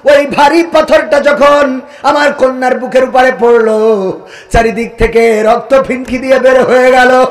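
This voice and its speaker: A man preaching a sermon and telling its story dramatically. He swings from loud, rising cries to low, hushed narration. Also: steady tone, a little slow. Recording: echoey sermon recording.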